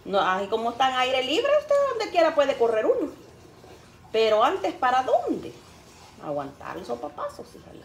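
A woman's voice: high-pitched, wildly swooping pitch, normal speed, creaky. A woman, chatting in a folksy, teasing way while she cooks. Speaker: cooking vlogger. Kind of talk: casual cooking chat. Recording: roomy, faint background noise.

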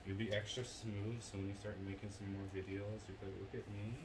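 Low-voiced man chatting casually, slightly distant. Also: level tone, brisk. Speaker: trainee waxing technician. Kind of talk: casual chat. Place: indoor treatment room. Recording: noisy, somewhat far from mic.

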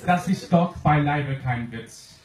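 A young Englishman with an English accent reads comic verse in a language that is not his first, slow and deliberate, his voice pitched slightly high. He stands at a stand mic on a small club stage and is filmed from the crowd. The sound is roomy, with faint noise underneath. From England. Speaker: poetry slam performer. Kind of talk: comic poetry reading.

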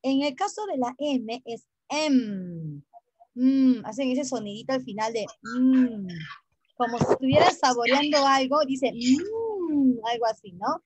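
A woman teaching an online English class, patient and deliberate, repeating each point in English and then Spanish and spelling letters out one by one. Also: high voice, expressive, slightly rough, dry recording, dull audio.

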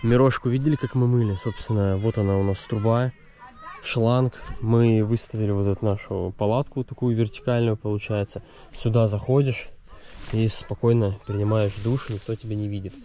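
With a warm, fairly low voice and a steady tone at normal speed, this man in his thirties chats in slang while filming his family's travels. Holding the camera at arm's length, he narrates outdoors at a campsite, inside a car and in a mall, and the handheld recording is noisy with ambience, vehicle and outdoor sounds.

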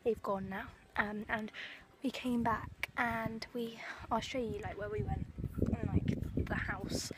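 A teen vlogger talks slowly with few pauses in a fairly high, steady voice, chatting into an arm's-length phone. She rambles through a casual chat, full of ums and likes, on a sunny marina and woodland path, and the outdoor recording is noisy.

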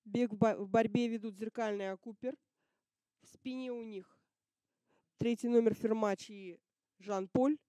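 A woman's voice: a little high, fairly even intonation, measured pace, pauses often, warm tone, no room sound. A woman giving live harness racing commentary in short, terse announcements. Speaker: race commentator.

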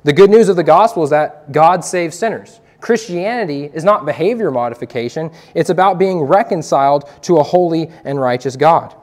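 A man's voice: fairly high pitch, expressive, normal speed, few pauses, darkish tone. A young man and evangelist giving an earnest, preacherly testimony to a youth group, quoting scripture as he speaks.

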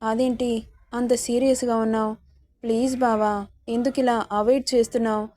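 Brief: woman doing an eager, clingy young woman, fairly high, wheedling. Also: level tone, normal speed, dark tone, dry recording, natural voice.

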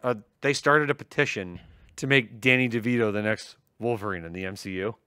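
A man's voice: fairly low pitch, brisk, clean tone, no echo, studio quality. A man co-hosting a tech stream in casual banter, teasing and laughing often as he tells jokes. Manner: laughs often, teasing, animated joke-telling.

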